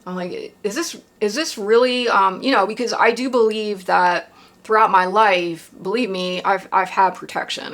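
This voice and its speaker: Woman with a gravelly, creaky voice. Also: fairly low pitch, a bit bright. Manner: rambling, with frequent fillers and tag questions. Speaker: vlogger recounting a personal experience. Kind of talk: casual confessional monologue.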